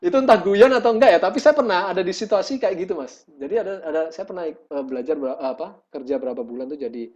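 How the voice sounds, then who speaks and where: Musician guest, man, fairly high voice, animated storyteller, muffled video-call sound. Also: fast talker, hardly any pauses. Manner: lively storytelling, acts out quotes. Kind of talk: casual video-call conversation.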